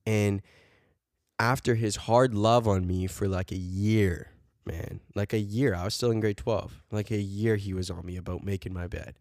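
A man's voice: fairly low pitch, fairly even intonation, normal speed, darkish tone, no echo, studio quality. Fired-up, preachy podcast man. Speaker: podcast co-host. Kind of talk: casual podcast chat.

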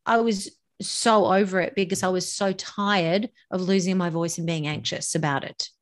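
With a voice on the low side at normal speed, a middle-aged woman shares public speaking advice as a podcast guest. She works as a voice coach and speaks animatedly and emphatically, stretching certain words for effect.

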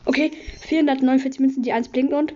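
A woman hosting casual gameplay commentary, upbeat and slightly hoarse from a cold, reading out item counts in quick bursts. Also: high voice, steady tone, mellow, a little hiss or hum. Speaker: gaming channel host. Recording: dull lo-fi audio with game music. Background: game music.

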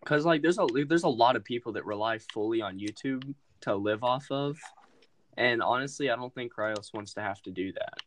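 A man's voice: mid-range voice, normal speed, fairly bright tone, a little hiss or hum. A man talking casually with friends in an online gaming voice chat. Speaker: online game player.

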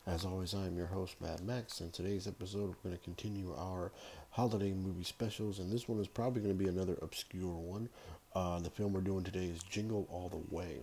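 A middle-aged man hosting a podcast, chatting casually about movies in a rambling, halting way. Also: low voice, steady tone, dark tone, breathy edge. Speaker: podcast host. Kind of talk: casual solo movie-review chat.

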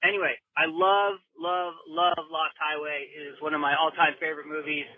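A man's voice: a little high, level tone, normal speed. A man leaving a casual, enthusiastic voicemail from his car, heard over a clipped phone line. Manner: enthusiastic, swearing freely. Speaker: voicemail caller.

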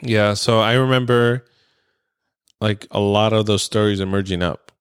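A man's voice: fairly low pitch, fairly even intonation, normal speed, smooth. A man hosting a podcast in a laid-back, casual chat, full of "dude" and restarts. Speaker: podcast host.

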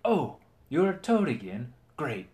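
A man's voice: on the high side, sing-song, unhurried, darkish tone, pitched above the performer's own voice. A man voicing a cheerful young male zombie knight who boasts and laughs triumphantly. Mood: proud.

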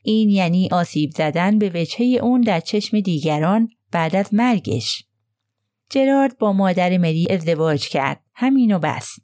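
A woman's voice: lowish voice, animated, warm tone, no echo, studio quality, close to an everyday voice. A woman voicing a gossipy middle-aged nurse who talks in a hesitant, confiding way.

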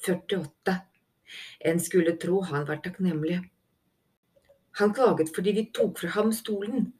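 A woman's voice: on the low side, darkish tone, close to an everyday voice. A woman voicing a dutiful male mole guard in a fantasy audiobook, grumbling in a dry, weary way.

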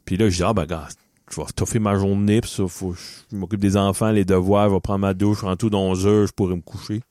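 A man's voice: deep voice, steady tone, quick pace, warm tone, no room sound, studio quality. A man with a Quebec French accent co-hosting a podcast, rambling easily through everyday stories. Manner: easygoing, rambling, everyday storytelling. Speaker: podcast co-host. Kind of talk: casual podcast chat.

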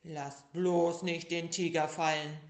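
Give me a woman voicing a caring little bear, urgent and loud, in an echoey room. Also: low voice, level tone, takes it slowly. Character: little male bear, caring loyal friend.

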